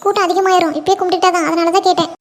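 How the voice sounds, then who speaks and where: A woman voicing several chatty village women in a cartoon, with fast sing-song gossiping talk. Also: extremely high pitch, little pitch movement. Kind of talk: animated cartoon voice acting.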